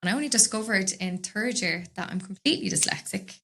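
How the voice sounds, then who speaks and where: A woman's voice: medium pitch, fast, gravelly, fairly bright tone. Dublin woman, podcast guest; chatty, rambling, laughs easily, studio mic. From Dublin, Ireland. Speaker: podcast guest, business owner. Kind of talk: casual interview chat.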